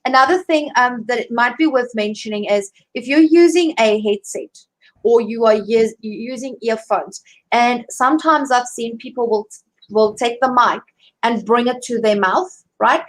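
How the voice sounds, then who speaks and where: A woman with a South African accent coaches job seekers over a video call, her voice a touch higher than most. She talks in a chatty way and often restarts her sentences with fillers. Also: moderate pace, rough recording. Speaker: career coach guest. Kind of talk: live online interview.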